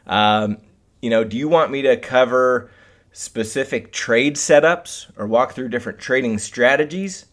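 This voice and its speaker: A man with a mid-range, fairly bright voice speaks at a measured pace. He hosts a live trading webcast, teaching casually and talking straight to his viewers.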